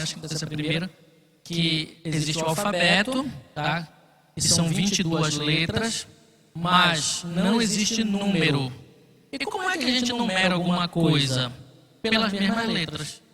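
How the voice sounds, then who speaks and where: A man's voice: on the high side, in a large hall. A man teaching a Bible study class, explaining patiently and checking in often with his listeners. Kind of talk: classroom lecture.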